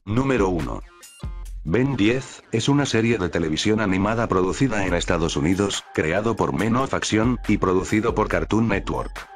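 Narrating a countdown video from a script, a man speaks in a lowish, animated voice at a moderate pace. Background music accompanies his reading of the top list.

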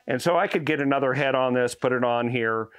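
A man's voice: medium pitch, brisk, dry recording, studio quality. A man in his sixties, a channel host, giving a folksy, hands-on product review in a workshop and out in a farm yard. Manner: folksy, explanatory, hands-on demonstrating. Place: garage workshop, then outdoors on a farm yard.

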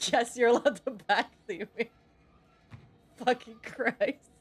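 A woman's voice: fairly high pitch, takes it slowly, husky, soft background music. A young woman streaming a game, swearing often and bantering in exasperation with her chat. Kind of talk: casual gameplay streaming.

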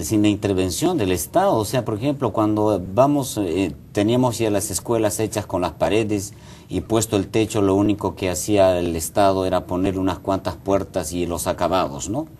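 Deep-voiced middle-aged man interviewed in studio. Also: moderate pace, mellow, slight background noise. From Peru. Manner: earnest, many hesitation fillers. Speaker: mayor and guest. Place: TV news studio.

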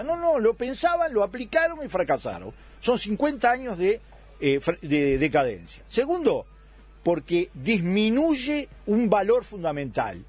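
Emphatic husky-voiced older man. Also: on the high side, darkish tone. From Italy. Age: 60s. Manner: emphatic, argumentative, repeats phrases for stress. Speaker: debate guest. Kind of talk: radio political debate.

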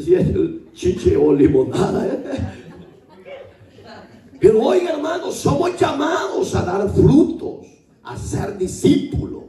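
A male pastor preaching a sermon to his church, animated and joking as he tells stories. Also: on the high side, reverberant, distant mic. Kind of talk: Pentecostal sermon. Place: church hall.

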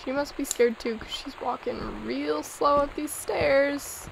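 A hoarse, sick young woman hosting a let's play, chatting and giggling as she reads in-game notes aloud. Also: high voice, slow, background noise. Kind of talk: casual gameplay commentary.

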